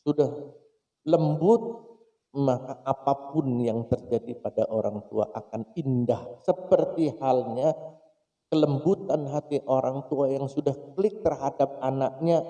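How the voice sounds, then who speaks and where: A man's voice: mellow, far from the mic. A man preaching a sermon, telling a story and asking the audience questions, acting out the quoted voices. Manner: acts out quoted voices with sudden jumps in pitch and volume.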